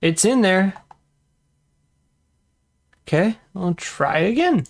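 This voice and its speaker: A man giving casual commentary while playing a game, muttering to himself with frustrated asides and quick self-corrections. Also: high-pitched, lively intonation. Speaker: gaming video creator.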